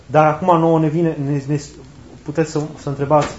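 A man's voice: fairly high pitch, little pitch movement, darkish tone, slight background noise. A man preaching a sermon in a conversational way, asking rhetorical questions and repeating his key phrases. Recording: roomy, dull lo-fi recording.

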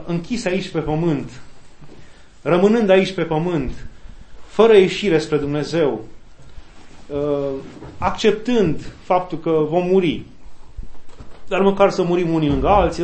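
A man preaching a sermon, reflective and deliberate, breaking into lively quoted voices now and then. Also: on the high side. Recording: echoey room.

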